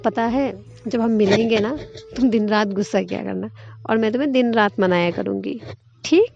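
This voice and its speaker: A woman's voice: medium pitch, moderate pace, creaky, a little mellow, close to an everyday voice. A woman voicing a teasing, clingy young woman in love who pleads and coaxes playfully. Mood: coaxing. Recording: lo-fi with faint background music.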